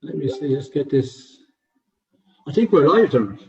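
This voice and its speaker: A man's voice: a little high, very animated, moderate pace, a little mellow. A man with an Irish accent hosting a casual livestream interview, encouraging and complimentary as a coach. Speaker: host, fitness coach. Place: online video meeting. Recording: muffled, roomy, distant from the mic.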